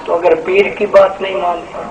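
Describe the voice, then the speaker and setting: A man's voice: sits high, little pitch movement, highs cut off. A man from Pakistan, a spiritual guide, preaching a devotional sermon at a shrine gathering, exhorting his listeners, repeating phrases and asking rhetorical questions. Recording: roomy, distant, noisy live recording.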